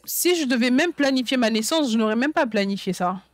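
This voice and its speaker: In this dubbed sermon, a French voice-over speaks for a preacher at a fairly quick pace, with lively intonation and a medium pitch, recorded without echo. The preaching is conversational, full of check-in questions to the audience and repeated points.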